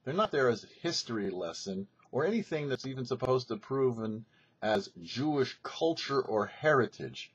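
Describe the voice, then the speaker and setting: A male rabbi who hosts a weekly Torah show delivers a scripted sermon of religious teaching. His husky voice swings in lively pitch as he speaks emphatically and didactically, using rhetorical questions and deliberate phrasing. The recording is somewhat dull and lo-fi.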